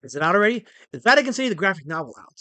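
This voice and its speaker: A man in his forties hosting a casual livestream, excitable and rambling as he reads chat messages aloud. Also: high-pitched, rapid-fire, no echo. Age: 40s. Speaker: livestream host.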